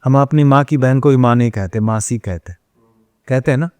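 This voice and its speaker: A man's voice: medium pitch, normal speed, a little mellow, clean tone, no room sound. Man telling stories in a dry, close sound. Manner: storytelling, acts out quoted questions and replies; mixes English phrases into speech. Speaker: interview guest, runs an ashram cow shelter. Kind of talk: casual interview conversation.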